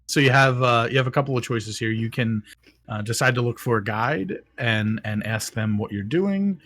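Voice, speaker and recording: A man's voice: mid-range voice, normal speed, a bit bright. A man narrating as game master, rambling, with many ums and restarts.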